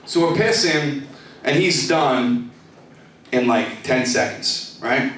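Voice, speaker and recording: A man's voice: mid-range voice, animated, slow, fairly bright tone, a little hiss or hum. Brash profane stand-up comic, man. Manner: brash, profane, crowd-working. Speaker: stand-up comedian. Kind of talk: stand-up comedy set. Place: comedy club stage with laughing audience. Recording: echoey club, distant mic, crowd laughter.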